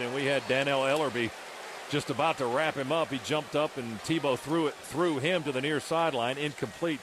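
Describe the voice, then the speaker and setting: American man calling football touchdowns over stadium roar. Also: mid-range voice. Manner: clipped running description of each play. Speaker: radio play-by-play announcer. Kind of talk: live American football play-by-play commentary, with touchdown calls. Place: open stadium broadcast booth. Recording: loud stadium noise behind broadcast voice. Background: loud stadium ambience.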